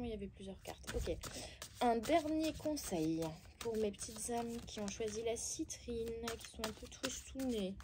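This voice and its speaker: A woman's voice: fairly high pitch, noisy background. A woman with a Belgian French accent gives a casual oracle card reading, speaking straight to her viewers with coaxing but blunt advice and many hesitations.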